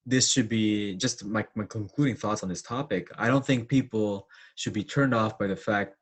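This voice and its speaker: In a relaxed discussion, a young co-host from Canada recounts his experiences, often stumbling over fillers and starting sentences again. He speaks at a moderate pace in a lowish voice.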